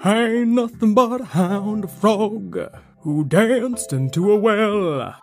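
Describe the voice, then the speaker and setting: A man's voice: sits high, takes it slowly, a little mellow, faint music behind, pitched above the performer's own voice. A man voicing a folksy male hound frog stuck down a well in a children's storybook tale. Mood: pleading.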